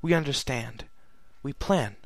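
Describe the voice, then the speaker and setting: A man's voice: medium pitch, a little slow, no echo, close to an everyday voice. A man voicing a regal, sorrowful immortal pony princess, reading her letter in a solemn, earnest way. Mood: solemn, wistful. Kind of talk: fan fiction reading.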